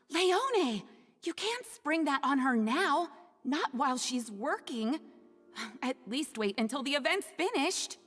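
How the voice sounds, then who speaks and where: A polite, cheerful young woman from a video game, her high voice lively and bouncing. A long reverb trails her lines. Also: takes it slowly, soft background music, heavily acted.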